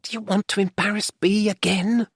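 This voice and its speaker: A man voicing an exasperated young gentleman who speaks in a dry, mocking, clipped way. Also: high voice, steady tone, normal speed, husky, no room sound, pitched above the performer's own voice. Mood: scolding. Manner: sardonic, clipped.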